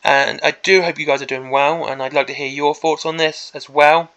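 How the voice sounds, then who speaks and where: A man's voice: a little high, steady tone, moderate pace, fairly bright tone. A man hosting an unscripted opinion video, rambling and emphatic, repeating himself, with a voice that is starting to give out. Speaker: hobby video host.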